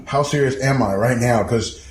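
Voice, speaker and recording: A man tells a story in a loose, casual way. He is animated and profane and slips into other people's voices, and his voice sits at an ordinary middle pitch. The room around him sounds echoey, with a faint hum of ambience. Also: normal speed. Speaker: guest storyteller. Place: house interior.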